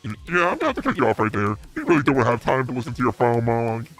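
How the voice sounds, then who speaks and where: A man's voice: medium pitch, wildly swooping pitch, very fast, a bit bright, soft background music. A man doing a cocky young man behind a voice changer. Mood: taunting. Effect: voice changer mimicked by the performer's own voice. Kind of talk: let's play character voicing.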